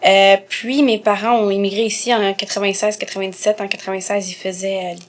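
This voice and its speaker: Soft-spoken young Quebec French woman. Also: medium pitch, flat delivery, brisk. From Montreal. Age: 20s. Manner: soft-spoken, many fillers, trails off quietly. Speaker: interview guest.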